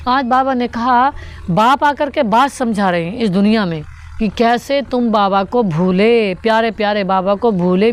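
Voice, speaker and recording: In a mid-range voice, a woman preaches a devotional sermon unpacking the daily spiritual teaching, going over every point again and putting rhetorical questions to those listening.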